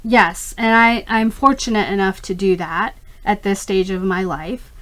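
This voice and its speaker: A startup founder appearing as an interview guest speaks in a mid-range, fairly bright voice with fairly even intonation, going a little slowly. She is middle-aged, a native Urdu speaker born in Karachi and raised in the United States from age five, and her replies are earnest, discursive and chatty.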